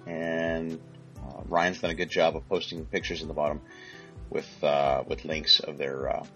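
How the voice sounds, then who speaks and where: A man's voice: a bass voice, little pitch movement, normal speed, fairly bright tone, highs cut off, soft background music. A man hosting a casual gaming podcast, rambling with many fillers and crude jokes. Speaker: podcast host.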